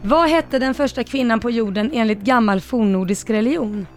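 A woman co-hosting a radio show, reading quiz questions briskly and clearly. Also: on the high side, soft background music. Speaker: radio co-host, quiz reader.

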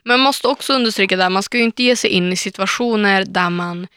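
A woman telling stories in a casual chat, animated and outspoken, dropping English phrases into her talk. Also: mid-range voice, clear, resonant tone, dry recording, studio quality. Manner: stubborn, outspoken.

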